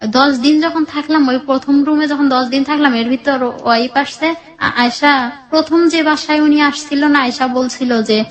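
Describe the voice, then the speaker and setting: A woman's voice: sits high, steady tone, normal speed, poor audio. A woman, telling her personal life story in a rambling, emotional way, full of restarts. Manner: rambling, with many restarts and acted-out quotes.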